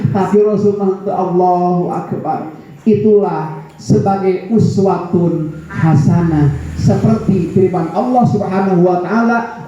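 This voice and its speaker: High-voiced Sundanese preacher in an echoey hall. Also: male voice, warm tone. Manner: storytelling, acts out quoted voices, jokes with audience. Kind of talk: sermon to a women's gathering. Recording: very echoey hall, dull lo-fi sound, faint noise.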